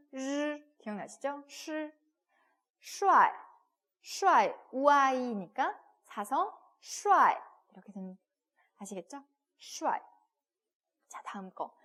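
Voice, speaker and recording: Lively woman teaching pronunciation. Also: sits high. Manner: explains patiently, models sounds loudly and repeats them. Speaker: Chinese language teacher. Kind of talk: video lesson on pronunciation.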